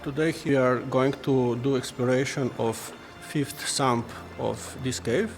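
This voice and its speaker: A man's voice: medium pitch, fairly even intonation, measured pace. Male speaker in long reverb. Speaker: cave diver. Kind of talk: documentary interview. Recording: long cavernous reverb, faint music.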